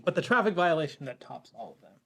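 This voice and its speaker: A young man hosting a casual podcast chat, telling stories in an animated, joking way. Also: fairly high pitch, fast talker. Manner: animated, joking, tells stories with put-on voices. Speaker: podcast host.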